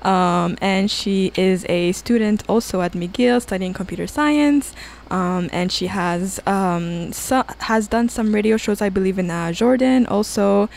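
A woman's voice: medium pitch, a little slow, gravelly, a little mellow. A woman hosting a radio show, chatting eagerly with plenty of fillers and restarts. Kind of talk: casual radio interview. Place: radio studio.

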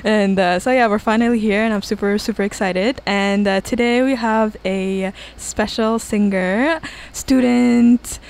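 A woman's voice: mid-range voice, steady tone, a little slow, creaky, hardly any pauses, darkish tone, smooth. A woman hosts a casual radio interview in a studio. She talks eagerly and loosely, filling gaps with ums and repeated words. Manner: chatty, filler-heavy, eager. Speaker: radio show host.

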